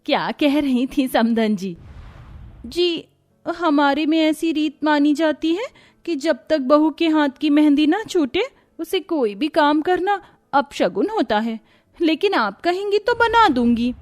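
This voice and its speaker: A woman's voice: high-pitched, animated, slow. A woman voicing a lazy, scheming young bride in a cartoon, whiny, sly and theatrical. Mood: fake sweet. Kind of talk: Hindi cartoon voice acting.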